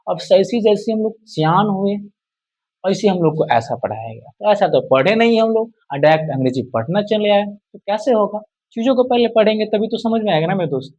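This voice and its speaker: A man's voice: high voice, a little mellow, breathy edge, poor audio. A man teaching English spelling in a classroom style, asking a question and repeating the answer over and over. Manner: repeats questions and answers in call-and-response drills. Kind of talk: classroom lesson.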